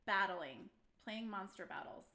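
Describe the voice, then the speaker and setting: A woman's voice: medium pitch, animated, measured pace, pushed and bright. A young woman co-hosting a live stream in casual, chatty talk, bubbly and often laughing. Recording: roomy echoey sound.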